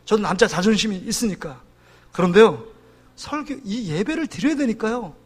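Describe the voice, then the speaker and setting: Male pastor, middle-aged, high voice, lively storytelling sermon, voices the people in his stories. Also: moderate pace. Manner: animated storytelling, acts out quoted voices.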